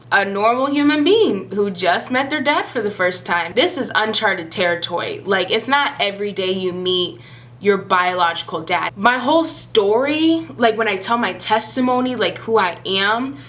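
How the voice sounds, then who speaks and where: Bright-voiced young woman telling her story. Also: measured pace. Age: 20s. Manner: chatty, animated, acts out quoted lines with pitch jumps. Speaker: vlogger. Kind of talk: personal storytelling vlog.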